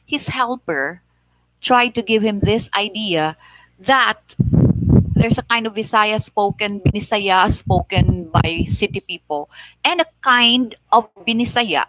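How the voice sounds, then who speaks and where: Filipina woman vlogging, talks real slow, dry close sound, repeats herself a lot. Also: mid-range voice, fairly bright tone, no echo, low-quality recording. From Philippines, Negros Oriental. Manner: slow, measured explaining with frequent "like" and repetitions. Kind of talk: casual explanatory talk.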